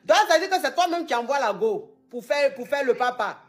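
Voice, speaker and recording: A woman's voice: high-pitched, expressive, a little fast, soft background music. A woman hosting an advice show, talking casually and teasingly with a caller and repeating her phrases. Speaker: advice show host, relationship coach.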